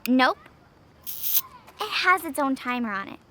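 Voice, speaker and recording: A woman's voice: sits high, sing-song, slow, bright, forceful tone, slight background noise, full character voice. A woman voicing a confident young animal kid who grandly shows off a camera and bosses his friends around, in a radio drama. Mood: bossy eager. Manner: showy, commanding, directs others. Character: bossy, confident young boy animal photographer.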